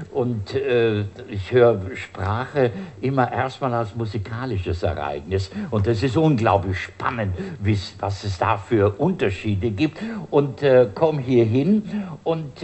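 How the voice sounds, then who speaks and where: A man's voice: mid-range voice, measured pace, darkish tone. An older man, a musician telling anecdotes as a guest, chuckling often and talking with many fillers.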